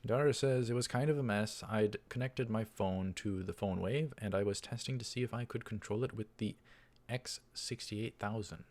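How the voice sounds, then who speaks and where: In a lowish, darkish voice at a moderate pace with hardly any pauses, a man does a let's play of a visual novel. He reads the dialogue and narration aloud, including dialogue tags, and tosses in casual asides.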